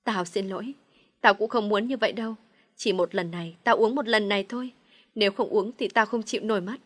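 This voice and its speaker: A woman's voice: mid-range voice, brisk, no room sound, natural voice. A woman reading a storybook, voicing a young mother who pleads through her tears. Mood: tearful.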